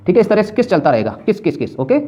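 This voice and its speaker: A man's voice: sits high, very animated, rapid-fire, warm tone. A male chemistry teacher giving a classroom-style lecture, repeating points and asking and answering his own questions. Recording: dull lo-fi sound.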